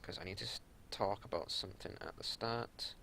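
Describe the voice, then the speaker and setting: Talking a little fast, a man leads a raid and explains tactics plainly in off-the-cuff commentary, his voice creaky, pushed and bright. Low rumbling noise sits under the home recording.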